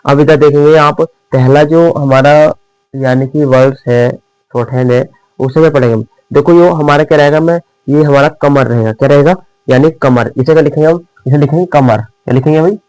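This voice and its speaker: Pitched a little high and somewhat darkish, his voice moves fairly quickly; the sound is clean with no echo, though the recording is low quality. A male shorthand teacher, he runs his classroom-style lesson like a repetitive quiz, answering his own questions and addressing the students fondly as dear children.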